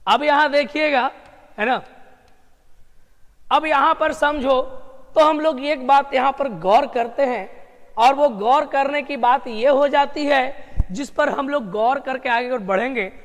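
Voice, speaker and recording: Male grammar tutor with a very high voice, chatty and repetitive, treats students like close friends, long reverb on the recording. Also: a little slow, fairly bright tone. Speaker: English grammar teacher. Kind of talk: exam-prep grammar lesson.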